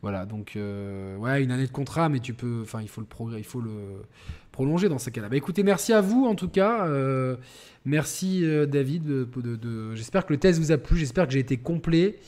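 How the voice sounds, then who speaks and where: Male stream host, mid-pitched, loose rambling live chat, lots of fillers and restarts. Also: expressive, moderate pace, a little mellow. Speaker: gaming channel host.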